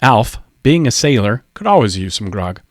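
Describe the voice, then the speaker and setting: A male audiobook narrator tells a scripted story expressively in a mid-range voice at a moderate pace. The recording is close and dry, with no room sound.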